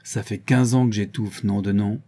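A man's voice: fairly low pitch, steady tone, normal speed, warm tone, slightly rough. A man reading an audiobook, voicing a young bourgeois widow who talks in a dry, level tone. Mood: stifled. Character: widowed young bourgeois wife, cool and composed.

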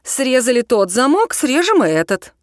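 A woman playing a calm, soothing woman. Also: sits high, normal speed, no room sound, studio quality, voice pushed up. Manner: calming, steady. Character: calm grown woman trying to soothe others.

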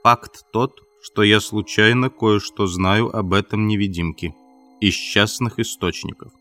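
A man reading an audiobook, voicing a nervous, shifty tramp who drops to a hushed mutter and then jumps to high, flustered protests. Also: steady tone, measured pace, faint music behind. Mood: confiding hush.

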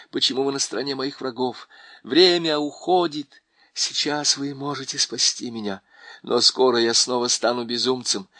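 A man's voice: medium pitch, bright, forceful tone, no room sound, natural voice. A man voicing a desperate, bewitched young knight who pleads urgently and at times rages.

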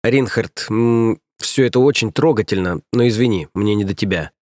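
A man playing a calm sardonic priest. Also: on the low side, no room sound, lightly acted. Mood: composed. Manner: composed, dry, unhurried. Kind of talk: audiobook character voice.

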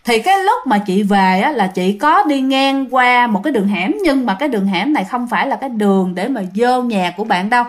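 With a voice on the high side and lively intonation, a ghost story narrator chats her way through a tale, often turning to her audience. Her pace is fairly quick, with few pauses.

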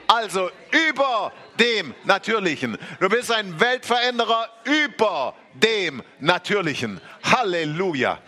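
A man's voice: sits high, bright, forceful tone. A man preaching a charismatic sermon, fervent and repetitive, with exclamations and speaking in tongues. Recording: faint music behind.

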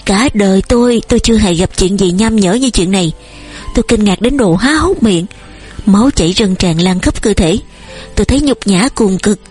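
A woman reads a novel aloud in steady first-person narration. Her voice is breathy at a middle pitch. Soft music plays faintly behind her. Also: normal speed. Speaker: audiobook narrator. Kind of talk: scripted narration.

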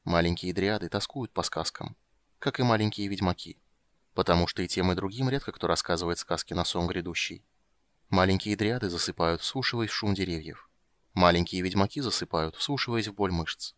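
Low-voiced male audiobook narrator. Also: a little fast, fairly bright tone, dry recording. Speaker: audiobook reader. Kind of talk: scripted narration.

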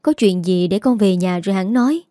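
A woman voicing a gentle young daughter-in-law who speaks softly and politely. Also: medium pitch, brisk, no room sound, clean studio sound, close to an everyday voice.

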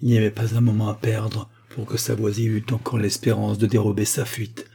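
A male narrator reading a historical novel aloud in a measured, literary manner. His voice is dark and mellow, with a husky edge. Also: on the low side. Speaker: audiobook narrator.

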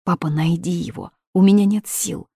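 A woman's voice: lowish voice, moderate pace, mellow, breathy edge, no echo, studio quality. A woman voicing a desperate young woman in love, pleading in urgent outbursts. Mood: frantic.

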